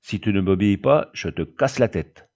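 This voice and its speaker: Brief: male reader voicing a hot-tempered, drunk captain; low, threatening storybook voice, muffled audio. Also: animated, moderate pace, darkish tone. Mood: furious. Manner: blustering, threatening. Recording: dull lo-fi recording.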